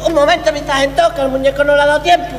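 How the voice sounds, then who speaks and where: A man's voice: very high voice, steady tone, racing. An actor playing a childish, cheeky young soldier who talks like a playful little boy in a stage comedy. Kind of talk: comic stage sketch. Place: theatre stage, far camera. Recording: echoey theatre, very loud noise.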